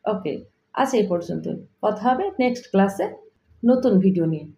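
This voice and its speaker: A woman with a Bangladeshi accent, a native Bengali speaker, teaching English pronunciation, spelling words letter by letter and repeating example sentences slowly. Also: medium pitch, animated, echoey room, dull audio. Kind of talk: pronunciation lesson.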